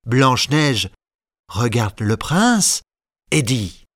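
A man narrating a fairy tale slowly, with careful, expressive reading. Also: medium pitch, no room sound, clean studio sound. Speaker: storyteller. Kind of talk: slow storybook narration.

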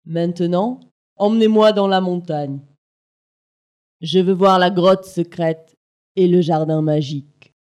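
A woman voicing a polite poor young boy in a slowly read storybook for learners. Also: lowish voice, a little mellow, highs cut off.

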